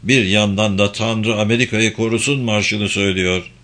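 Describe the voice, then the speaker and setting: A man's voice: fairly low pitch, fairly even intonation, moderate pace, fairly bright tone, lightly acted. A man voicing a captain who reports a raid over a radio in a terse, matter-of-fact way.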